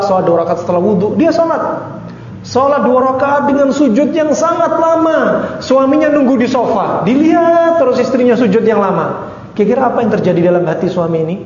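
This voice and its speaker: A male religious teacher giving a lively sermon, asking rhetorical questions and making joking asides. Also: sits high, a little hiss or hum. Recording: echoey hall, dull lo-fi sound.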